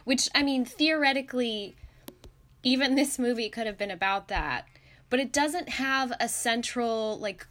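A woman co-hosting a movie podcast in casual chat, thoughtful and quick to laugh. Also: on the high side, fairly bright tone. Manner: laughs often, thoughtful and analytical. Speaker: podcast co-host.

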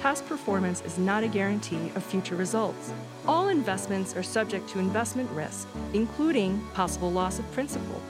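A woman's voice: medium pitch, animated, moderate pace. A woman formally reading a scripted legal disclaimer, going straight through the fine print like an announcer. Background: music.

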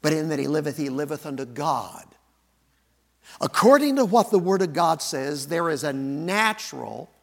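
A middle-aged male pastor preaching a sermon with animated, folksy stories. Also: sits high, vocal fry. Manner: animated, folksy storytelling, acts out voices.

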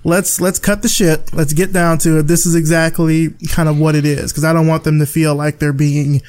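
Candid Southern man, higher voice. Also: level tone, normal speed, darkish tone, soft background music. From rural Alabama, USA. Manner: candid, thoughtful, frequent restarts. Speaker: podcast guest. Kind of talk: casual conversation.

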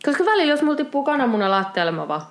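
A woman's voice: sits high, sing-song. A young woman co-hosting a podcast, telling everyday stories in casual chat, swearing freely and acting out her own reactions. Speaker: podcast co-host.

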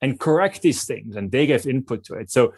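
On a panel, a CIO and security expert in his forties with a Swiss accent stresses his points emphatically, tagging them with "right?". His mid-range voice is lively, a little fast, creaky, slightly mellow, and a bit rough.

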